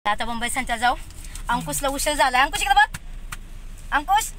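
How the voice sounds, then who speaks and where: A woman's voice: sits high, expressive, normal speed, sharp tone. A woman chatting with her viewers and the friend filming her as she travels by car to a bus depot. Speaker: vlogger. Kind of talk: casual travel vlog. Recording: noisy phone video from a car and a depot. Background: traffic and street noise.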